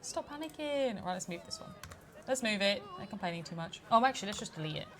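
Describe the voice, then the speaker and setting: A woman's voice: mid-range voice, animated, very fast, fairly bright tone, slight background noise. Chatty woman playing a game. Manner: chatty, laughs often, mock-outraged at park guests. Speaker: community manager streaming a game. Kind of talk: casual let's play commentary.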